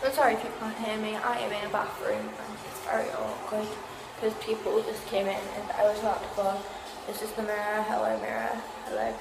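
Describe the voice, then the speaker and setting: A woman's voice: medium pitch, brisk, gravelly, noisy background. A teenage girl chatting to camera in a rambling, self-conscious way, filmed on a phone held at arm's length. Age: teens. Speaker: vlogger. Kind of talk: casual vlog talk to camera. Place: home rooms, then restaurant and bathroom. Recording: echoey phone audio.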